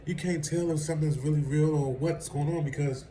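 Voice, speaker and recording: A man's voice: fairly high pitch, steady tone, a little fast, warm tone, slight background noise, poor audio. A man vlogging casual celebrity gossip commentary, rambling and conversational and laughing at his own asides.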